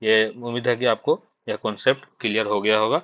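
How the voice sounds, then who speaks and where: A man's voice: on the low side, fairly even intonation, brisk, no echo. A man from Jharkhand teaching shorthand in an online exam-prep lesson, explaining patiently and repeating himself with many fillers. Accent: Hindi speaker from Jharkhand. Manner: patient, repetitive explaining with frequent fillers and "thik hai" checks. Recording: dry, slightly dull sound.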